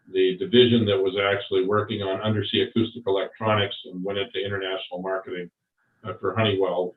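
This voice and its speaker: In an oral history interview, an older Vietnam veteran looks back on his service and career. His low voice moves slowly and haltingly, full of pauses and fillers. The recording sounds distant, roomy and phone-like.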